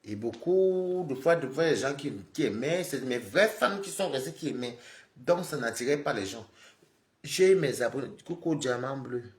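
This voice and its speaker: A man live streaming, scolding and lecturing his viewers in an animated, repetitive rant. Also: mid-range voice, normal speed, echoey room. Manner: scolding, animated, repeats himself, talks straight to viewers.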